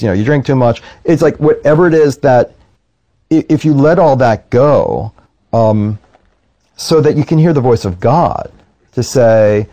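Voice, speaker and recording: A man who serves as a rabbi talks in a reflective, conversational way. His voice is warm and mellow, and he sits in the middle range for pitch. He keeps an earnest tone and drops into quoted voices as he tells his stories. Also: lo-fi sound.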